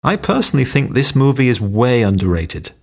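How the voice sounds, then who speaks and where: For learners, a man reads short everyday phrases one by one in a medium-pitched, gravelly voice, very animated and brisk. He gives every standalone sentence its own acted intonation.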